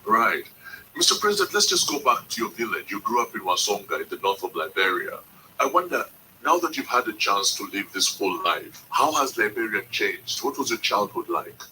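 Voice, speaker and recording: Bright, probing male interviewer. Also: lowish voice, sing-song, distant mic, slight background noise, poor audio. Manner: measured, probing questions. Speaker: podcast host and interviewer. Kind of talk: scripted narration and interview.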